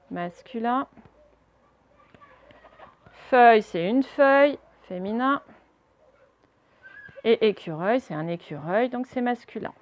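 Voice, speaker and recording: A woman's voice: on the high side, darkish tone. A woman teaching a spelling lesson to children, patiently spelling out words letter by letter.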